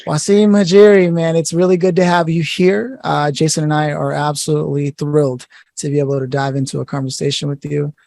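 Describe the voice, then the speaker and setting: A man's voice: fairly high pitch, fairly even intonation, brisk, gravelly, a little mellow, no room sound, studio quality. A man hosting a business podcast, introducing the guest with upbeat enthusiasm. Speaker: podcast co-host. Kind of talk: interview hosting.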